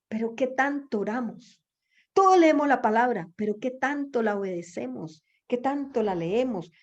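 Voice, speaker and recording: A woman's voice: fairly high pitch, darkish tone. A woman preaching a sermon, exhorting her listeners with rhetorical questions and repeated phrases. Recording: dull lo-fi recording.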